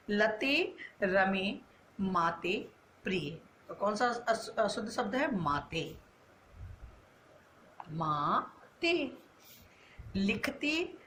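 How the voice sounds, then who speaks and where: A woman teaching a school class, her voice bright and clear. She poses a question and answers it herself, slowly drawing out each key word. A faint hiss sits under the recording. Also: mid-range voice. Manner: asks questions and answers them herself, drawn-out words. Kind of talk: online class lesson.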